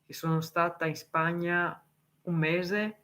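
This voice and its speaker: A woman's voice: on the low side, fairly even intonation, a bit bright. A woman from Italy chatting casually on a live stream, reading viewer comments, answering them and laughing often. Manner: deliberately slow, careful speech for foreign viewers.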